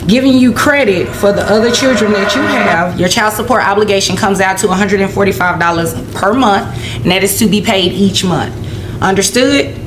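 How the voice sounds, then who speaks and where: A woman's voice: mid-range voice, a little fast. Stern lady judge scolding in court, firm and pushy, echoey room with noise behind her. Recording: roomy courtroom with clear background noise.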